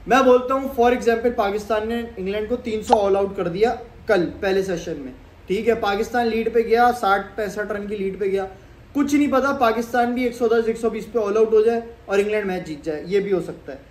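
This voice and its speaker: A man's voice: high-pitched, normal speed. A young man from Pakistan, chatting casually about cricket to camera from a sofa at home, talking with his hands. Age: young adult. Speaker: cricket vlogger. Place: sitting on a sofa in a small room at home. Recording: echoey room with faint background hum.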